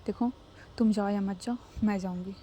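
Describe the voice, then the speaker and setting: A strong-willed middle-aged mother, heard in a told story, firm and pleading by turns, as a woman narrator puts her on. Her tone is mellow and soft-edged. A faint hiss sits under the voice. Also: mid-range voice, steady tone, moderate pace, natural voice. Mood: angry, defiant.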